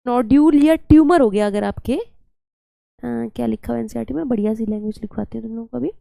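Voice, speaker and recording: A woman's voice: a little high, fairly quick, vocal fry, dark tone, dry recording. A young woman teaching biology in a chatty, scolding lecture style, often slipping English terms into her talk.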